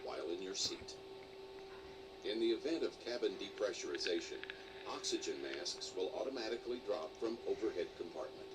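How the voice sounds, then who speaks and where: Man, pre-recorded cabin safety announcement, formal measured reading, distant from the mic, noisy background. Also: low voice, animated. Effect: pre-recorded cabin safety announcement played in a flight simulator. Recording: distant, noisy game audio.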